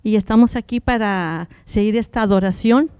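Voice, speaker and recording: Female scripture reader, smooth mellow voice, emphatic church delivery, dry mic. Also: mid-range voice, moderate pace, dry recording. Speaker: church member reading the verse of the day. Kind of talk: scripture reading in a church service.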